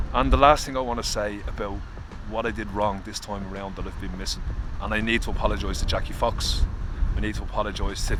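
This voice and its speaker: An Irish man talking earnestly and confessionally to camera outdoors in the cold, swearing casually, with faint traffic behind. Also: fairly low pitch. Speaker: vlogger. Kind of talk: candid personal vlog.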